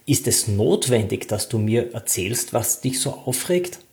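A man reading the part of a wise old male philosopher, who asks calm, patient questions. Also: mid-range voice, measured pace, vocal fry. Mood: calm questioning.

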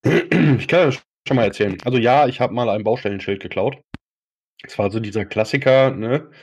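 A male podcast host with a rough, husky voice at an average pitch. He chats casually and spins anecdotes in a joking, colloquial manner. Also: moderate pace, darkish tone, lo-fi sound.

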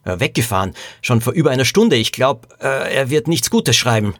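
A man's voice: medium pitch, sing-song, fairly quick, no room sound, studio quality. A man reading a storybook, voicing a boy who answers hesitantly with ums.

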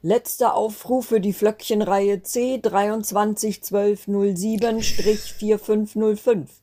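A woman reading a storybook aloud and voicing an old grandfather weather spirit who briskly calls out boarding announcements. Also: mid-range voice, fairly even intonation, dark tone, voice pushed up, natural voice. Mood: bustling.

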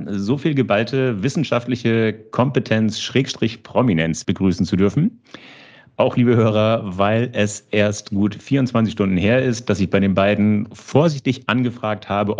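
A man's voice: on the low side, darkish tone, highs cut off. A man hosting a podcast, reading a polished intro and moderating with light jokes. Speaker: podcast host. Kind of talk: scripted podcast intro and interviewing.

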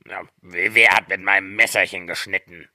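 A man voicing a group of little male dwarfs in a storybook reading, with a high squeaky voice. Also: fairly even intonation, moderate pace, bright, forceful tone, no echo, clean studio sound, full character voice. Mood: puzzled.

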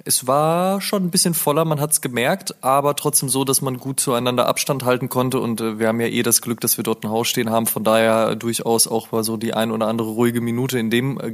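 A man hosting a casual podcast. His voice sits at a middling pitch, and he talks in a loose, chatty way, often stopping for fillers as he tells long stories. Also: level tone, brisk, few pauses. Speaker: podcast co-host.

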